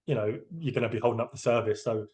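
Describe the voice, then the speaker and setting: A man's voice: medium pitch, fairly even intonation, fast, a little mellow. A man, a train driver giving a candid, hesitant personal account in a podcast interview. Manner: hesitant, open, emotionally candid.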